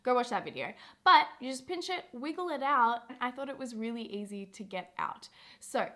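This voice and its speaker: A woman's voice: on the high side, animated, normal speed, a bit bright. A young woman hosting a casual review vlog, chatty and encouraging, with frequent "like" fillers. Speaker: women's health video host.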